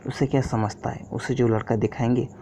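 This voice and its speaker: A man's voice: medium pitch, level tone, brisk, mellow, natural voice. A man reading the part of a stern, domineering middle-aged father who speaks in curt commands. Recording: dull lo-fi recording, faint hiss.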